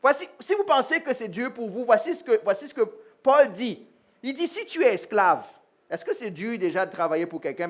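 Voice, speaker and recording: A man preaching a sermon as pastor, talking straight to the congregation, asking them questions and acting out short dialogues. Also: high-pitched. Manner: animated, asks the congregation questions; acts out little dialogues in voices. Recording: live church sermon.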